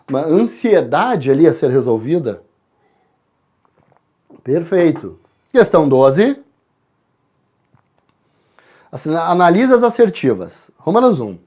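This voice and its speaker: A man's voice: on the high side, normal speed. A man from Brazil, a teacher walking students through exam answers, calling out letters and addressing the class. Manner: lively, addresses students directly, spells out letters.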